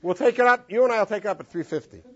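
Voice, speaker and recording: Racing along in a high, slightly rough voice, a Los Angeles man teaches a classroom text study. He is animated, singing out phrases in long drawn tones, and the recording is dull lo-fi classroom audio.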